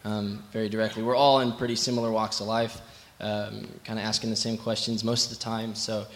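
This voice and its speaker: A man's voice: on the low side, little pitch movement, brisk. A man sharing church advice onstage, hesitant with many ums. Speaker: church member guest. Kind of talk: onstage testimony.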